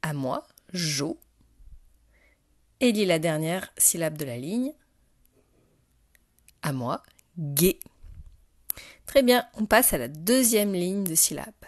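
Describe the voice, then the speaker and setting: A woman leads a phonics lesson for a young child, and she talks slowly and patiently, with a lowish voice. The sound is dry and close, with no room around it. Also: sing-song, a little mellow, dry recording. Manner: slow, patient, addressing the child directly. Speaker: primary school teacher.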